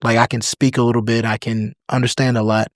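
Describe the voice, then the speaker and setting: A young adult American man speaks fast at a medium pitch as a podcast guest in a casual interview chat. He's relaxed and loose, filling his talk with "like" and "you know" and slipping into other languages now and then. The mic is dry, with no room sound.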